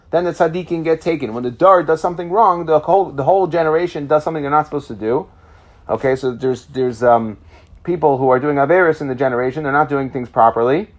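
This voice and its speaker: Higher-voiced man teaching Talmud in Yeshivish style. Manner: explanatory, checking in with "right?". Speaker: Torah teacher. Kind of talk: informal Talmud lesson, reading phrases and translating.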